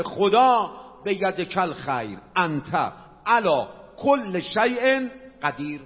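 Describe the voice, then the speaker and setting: A middle-aged man from Qom with a Qom Persian accent preaching a sermon, passionate, asking rhetorical questions and quoting Arabic. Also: high-pitched. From Qom, Iran. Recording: dull lo-fi sound with long hall reverb.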